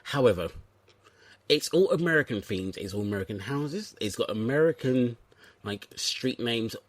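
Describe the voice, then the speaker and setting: A man's voice: medium pitch, animated, moderate pace, dry recording. A man from England hosting a comedic podcast, chatting in a playful, rambling and self-mocking way. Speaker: podcast host. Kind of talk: comedic casual chat.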